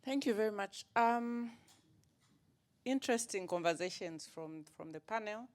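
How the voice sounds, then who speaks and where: A woman's voice: mid-range voice, lively intonation, a little slow, darkish tone. A woman from Zambia, asking a conference panel direct, orderly questions. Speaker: audience member asking questions, water regulator staff.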